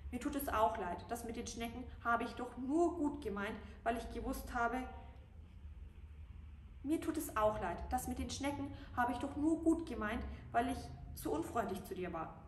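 Brief: woman reading a bossy but good-hearted gnome, brisk and direct, in a roomy space with light hiss. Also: a little high, expressive, pitched above the performer's own voice, lightly acted. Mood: remorseful. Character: male gnome, gruff at first but kind. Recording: roomy, distant mic, faint hiss.

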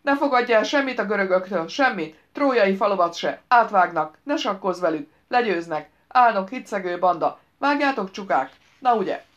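A blustering man bellows a rant at the television, as a woman reader puts him on. He is loud and pushes his voice up high. It plays as a character in an audiobook. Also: animated, few pauses, dull audio, lightly acted. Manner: bellowing, ranting.

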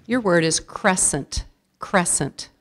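A woman serving as a spelling bee pronouncer in a school auditorium, saying each word slowly and deliberately and reading out definitions. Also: lowish voice, animated. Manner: slow, deliberate, repeats each word clearly.

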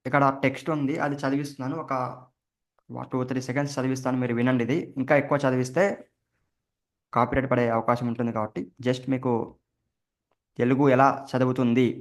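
In this screen recording tutorial, a male tech host casually narrates every keystroke as he makes it, step by step. He speaks fast in a medium-pitched, level voice, pausing often.

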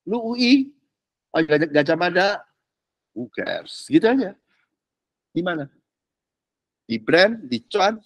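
A middle-aged pastor teaches a class in an easy, chatty way, his fairly high voice leaping up and down in pitch. English words pop up in his speech, and the sound is close and dry with no room around it. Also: takes it slowly, long pauses, no echo. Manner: animated, mixes in English words and slang. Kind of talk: casual sermon teaching.

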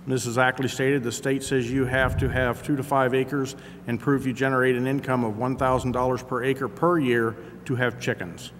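A man's voice: mid-range voice, little pitch movement, normal speed, fairly bright tone. A man in his fifties, a town councilor reading meeting minutes aloud at a desk microphone. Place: large indoor council chamber. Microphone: gooseneck desk microphone. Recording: echoey council chamber with noise.

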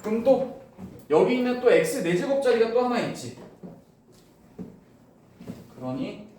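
Echoey high-voiced male math teacher. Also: very animated, mellow, a little hiss or hum. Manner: explains step by step, asks students many quick questions. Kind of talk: classroom math lesson. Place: classroom. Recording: echoey room, voice from far off.

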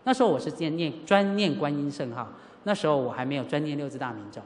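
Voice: mid-range voice, fast, slight background noise. A middle-aged Buddhist teacher from Taiwan, giving a sermon full of personal stories, acting out dialogue and asking the audience rhetorical questions. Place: lecture hall at a Buddhist centre. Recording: long reverb of a lecture hall.

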